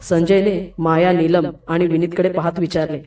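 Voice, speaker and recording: A woman's voice: fairly low pitch, little pitch movement, normal speed, dark tone. A woman tells a scripted horror story in a mid-range voice and keeps her own tone for every character's line. She sits some distance from the mic in an echoey room. Faint background music plays under her. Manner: reads all characters' dialogue in the same narrating voice.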